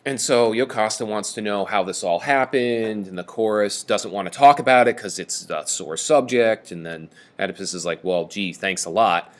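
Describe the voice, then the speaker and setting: A man giving a casual mini-lecture, retelling a play in everyday speech and quoting characters with quick voiced lines. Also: fairly low pitch, a little hiss or hum.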